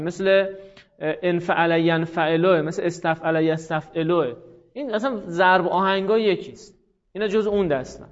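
The recording is lo-fi, capturing a high-pitched male teacher as he walks his class through grammar one step at a time. He says the forms slowly and repeatedly, then calls on students by name to test them.

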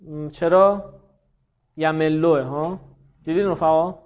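A man teaching a grammar class, quizzing students on their answers, praising them and explaining rules briskly. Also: on the high side, fairly even intonation, lo-fi sound. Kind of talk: classroom lesson with student drills.

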